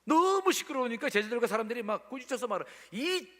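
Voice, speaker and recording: A man's voice: extremely high pitch, very animated, fast, pushed and bright, long reverb tail. A male pastor preaching a sermon at a church service, speaking emphatically and calling on the congregation to answer aloud.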